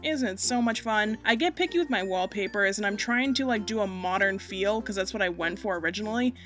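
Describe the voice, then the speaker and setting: A woman's voice: mid-range voice, brisk, a bit bright, soft background music. A chatty, self-deprecating woman from Massachusetts, rambling through a casual home voiceover over gameplay while recorded under a blanket. She breathes audibly and laughs often. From Massachusetts, United States. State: breathing audibly, getting hot. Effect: muffled, recorded under a blanket. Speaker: gaming YouTuber.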